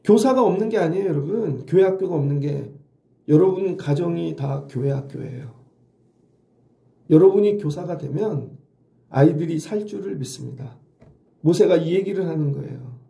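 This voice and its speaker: A man's voice: fairly high pitch, moderate pace, creaky, mellow, reverberant. A middle-aged male pastor giving an early-morning sermon in a conversational way, often asking the congregation questions. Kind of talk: dawn sermon.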